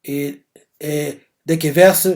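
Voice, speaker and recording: Man, manga reaction host, casual, rambling, animated, filler words, fairly high voice. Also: slow. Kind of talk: casual live reaction, retelling a chapter.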